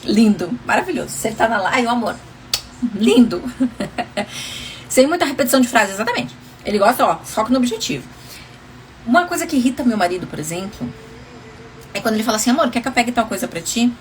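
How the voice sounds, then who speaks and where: A woman's voice: on the high side, very animated, brisk, pauses often, slight background noise. Chatty, often laughing woman coach. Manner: chatty, laughs often, calls listeners endearing names. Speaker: relationship coach. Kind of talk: casual livestream talk to viewers.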